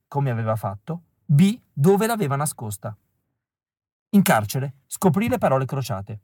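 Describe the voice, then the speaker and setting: A man narrates a literary audiobook in the first person. His telling is wry and expressive, often sinking into a flat, quiet tone. His voice sits at an ordinary middle pitch, and the recording is close and dry, with no room sound. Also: no echo. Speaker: audiobook reader.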